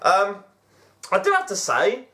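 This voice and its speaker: Guy gushing and singing along, voice a bit high, roomy echo. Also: wildly swooping pitch, normal speed, sharp tone. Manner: enthusiastic, sings along, laughs often. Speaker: co-host. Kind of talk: casual chat. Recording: echoey room.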